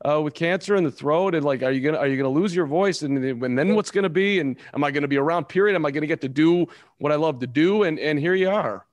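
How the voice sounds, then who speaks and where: Male host in casual chat, slightly high voice, dry close sound. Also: quick pace, few pauses, no echo, lo-fi sound. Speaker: interviewer.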